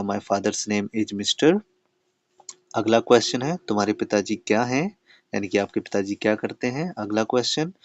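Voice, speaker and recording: A man with an Indian English accent giving a spoken English lesson, slowly dictating example questions and answers. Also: lowish voice, no room sound. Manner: slow, deliberate dictation of example sentences. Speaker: English teacher. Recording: slightly dull, lo-fi sound.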